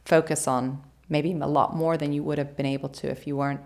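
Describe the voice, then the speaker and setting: A woman's voice: sits low, little pitch movement, fairly quick, gravelly, darkish tone. A woman from Switzerland hosting an interview, asking curious questions with personal asides. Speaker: host.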